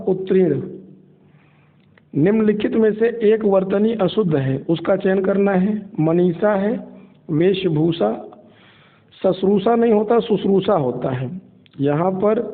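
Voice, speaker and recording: Male exam tutor, high voice, methodical and repetitive, recorded on a thin phone-like line. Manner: steady, methodical, repeats each answer. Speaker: exam prep teacher. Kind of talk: spoken quiz lesson.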